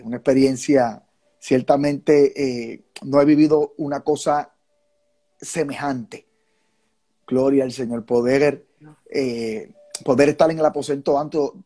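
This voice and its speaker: A man's voice: a little high, dark tone. A man hosting a live faith program, preaching and then interviewing a guest, with fervent exclamations of praise woven into his speech. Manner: fervent, sprinkled with "gloria al Señor" and "aleluya". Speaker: host and preacher.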